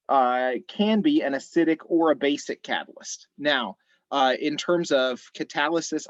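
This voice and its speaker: A man teaching an online chemistry class, explaining step by step in a relaxed way, thinking aloud. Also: mid-range voice, no echo, dull audio.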